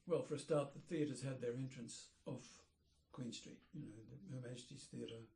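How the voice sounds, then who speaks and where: An older man, an architect, reminiscing in an interview, rambling and pausing to search for names. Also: medium pitch, warm tone, a little hiss or hum. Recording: roomy echoey room.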